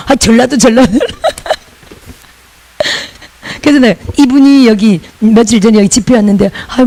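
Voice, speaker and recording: A woman's voice: medium pitch, a little mellow, low-quality recording. A woman pastor from Busan, preaching a sermon in a chatty way with laughing asides and call-and-repeat lines.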